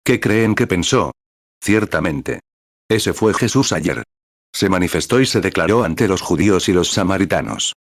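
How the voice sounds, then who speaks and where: Deep-voiced man reading a sermon. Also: no echo, clean studio sound. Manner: measured, steady reading that cites chapter and verse. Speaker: sermon reader. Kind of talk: read-aloud sermon with scripture quotations.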